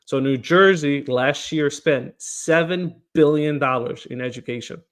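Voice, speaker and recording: A Portuguese man, a political candidate, answers podcast interview questions earnestly. His voice is slightly high and slightly slow, and he often repeats words as he begins a phrase.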